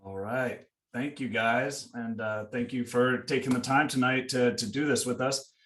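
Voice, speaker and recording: A man's voice: medium pitch, fairly even intonation, unhurried, fairly bright tone, distant mic, a little hiss or hum. A man hosting a school information session over a video call, easygoing and casual with many "uh"s and "um"s. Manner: easygoing, with frequent "uh" and "um". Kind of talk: moderating a video-call panel. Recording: echoey room, away from the mic.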